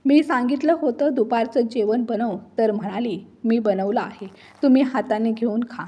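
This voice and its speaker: A woman voices a sharp-tongued older mother-in-law in a storybook, forever grumbling and taunting. The voice sits a little high and comes out breathy and husky. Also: normal speed, close to an everyday voice. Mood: scolding. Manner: scolding, taunting.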